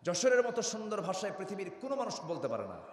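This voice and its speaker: Bengali-style sermon guy, higher voice, far from mic with big echo. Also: big pitch swings, fast talker. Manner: call-and-response with the crowd, loud bursts. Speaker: preacher. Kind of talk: Islamic sermon at a gathering. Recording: roomy echo, long reverb, distant mic.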